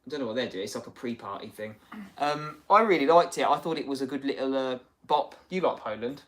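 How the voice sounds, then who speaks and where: A man from the United Kingdom hosts a casual livestream chat, reading out viewer comments. His medium-pitched, slightly bright voice is animated and fairly quick, and his rambling, chatty delivery is full of fillers and restarts.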